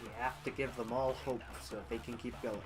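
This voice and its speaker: A man's voice: mid-range voice, level tone, a little fast. A man giving casual commentary as co-host of a let's play. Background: game music.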